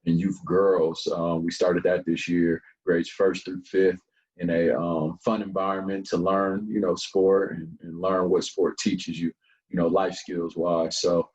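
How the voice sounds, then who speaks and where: A young man with a very deep voice and little rise and fall tells his story in a relaxed, long-winded way, leaning on fillers as he goes. He speaks as the guest in a casual interview. The recording sounds somewhat dull and lo-fi. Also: a little slow. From Colorado Springs, USA. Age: young adult. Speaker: nonprofit founder and guest.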